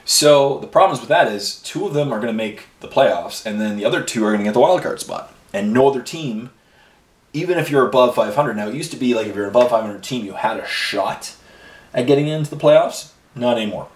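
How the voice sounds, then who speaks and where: Painting miniatures for a hobby video in his home hobby room, a man with an Irish and Canadian background chats casually, drifting from topic to topic with lots of fillers. His mid-range voice is expressive and fairly quick. The room echoes, he sits a bit far from the mic, and there's faint noise.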